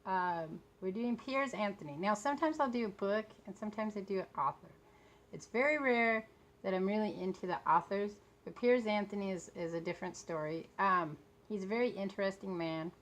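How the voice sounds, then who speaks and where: A woman's voice: mid-range voice, a little fast. A woman in her late fifties chatting casually and rambling for a vlog, tired, with a sore throat and speech slightly affected by a swollen lip. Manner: talking a bit funny from a swollen mouth. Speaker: vlogger talking about books and authors.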